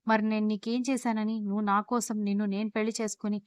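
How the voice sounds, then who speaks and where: A woman storyteller reads a scripted love story aloud in an even, steady manner. Her pitch is middling and ordinary. The recording is dry, with no room sound. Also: fast, clear, resonant tone, no echo. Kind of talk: scripted narration of an audio story.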